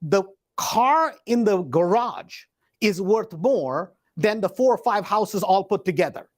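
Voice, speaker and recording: A host with a high-pitched voice slowly tells a personal story in a casual, chatty way. He acts out the back-and-forth dialogue with animation, and he leans on slang and emphatic repetition.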